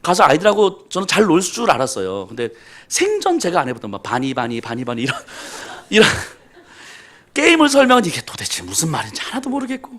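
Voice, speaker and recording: A man pastor preaching a sermon, telling self-deprecating stories with humor. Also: on the high side.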